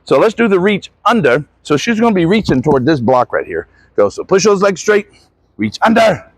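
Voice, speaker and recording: Very animated and a little fast, a man with a slightly high voice coaches gymnastics, demonstrating and tossing quick encouraging corrections to his athlete. The recording is dry and the audio quality poor.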